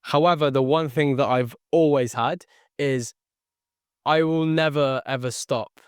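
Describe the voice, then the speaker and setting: In a podcast interview, a young sales entrepreneur whose first language was Tagalog, born near London and raised in the Philippines, earnestly tells his life story, often repeating phrases and saying "okay." His mid-range voice is steady, clean and measured in pace, recorded at studio quality with no room sound.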